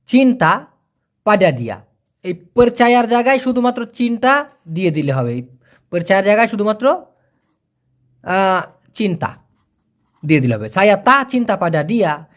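A Malay teacher gives a video lesson. The teacher says foreign phrases very slowly, repeats them, and keeps coaxing viewers with please and brother. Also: mid-range voice, fairly bright tone.

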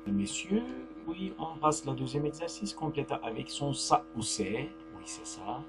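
A male teacher with Turkish as his first language walks pupils through French possessive adjectives at a deliberately unhurried pace, repeating each word and example several times. Music plays clearly behind him over a steady mains hum. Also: a little high. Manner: slow, repeats words and phrases, checks with "d'accord?". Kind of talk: classroom grammar lesson.

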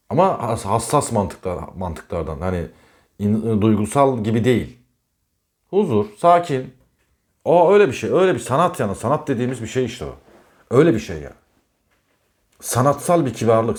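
Speaking in a relaxed monologue on the zodiac, this male astrologer has a mid-range voice with a darkish tone. He presses his points hard, says things more than once, and tells the listener off directly.

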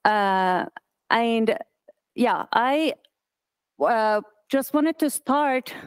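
A woman in her thirties, originally from Iran, giving a conference talk as an accessibility specialist, speaking in a halting way with many fillers and restarts. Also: a little high, expressive, clean tone, no room sound. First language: Persian. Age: 30s. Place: office event space.

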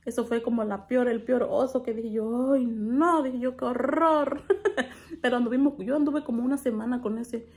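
A woman, telling a story to camera in an animated way and laughing often, recorded at home on a phone. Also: a little high, normal speed. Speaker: family vlogger. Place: small room at home, indoors.

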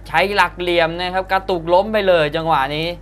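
A man's voice: high-pitched, little pitch movement, fast, fairly bright tone. A man giving live Muay Thai commentary in an exclamatory way, reacting to each strike. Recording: broadcast with arena crowd noise behind. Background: faint fight-arena ambience.

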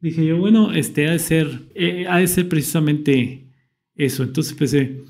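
A young man telling a personal story in a casual, animated way, acting out what he and others said. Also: on the high side, normal speed, gravelly. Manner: animated retelling, acts out his own past quotes. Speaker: vlogger.

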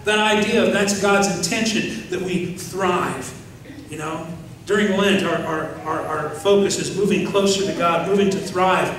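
A middle-aged man preaching a sermon as pastor, animated and questioning his congregation. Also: sits high, a little slow. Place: large church sanctuary. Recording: very echoey sanctuary, distant mic.

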